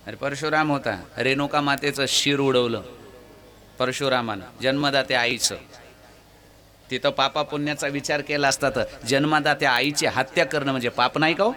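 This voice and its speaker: A man preaching a devotional storytelling sermon, animated and often putting questions to his listeners. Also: mid-range voice, normal speed. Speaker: kirtan preacher.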